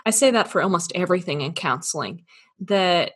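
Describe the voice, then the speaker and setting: A woman counselor explaining ideas on a podcast in a measured, patient way. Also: on the low side, expressive, fairly bright tone, breathy edge. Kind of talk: explaining in casual discussion.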